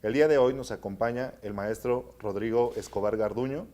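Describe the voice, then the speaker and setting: A man's voice: mid-range voice, brisk, dark tone. A man hosting an interview, introducing a guest formally and asking questions with some hesitation. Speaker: interview host.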